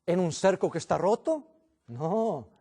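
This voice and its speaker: Male pastor, sermon, earnest, slightly high voice, mellow tone, church. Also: very animated, measured pace, slightly rough. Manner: earnest, addresses "hermanos".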